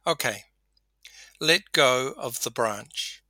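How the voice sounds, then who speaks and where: A man voicing God as a calm, patient male presence who speaks plainly and firmly. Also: medium pitch, slow, dry recording, exaggerated voice. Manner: calm and matter-of-fact.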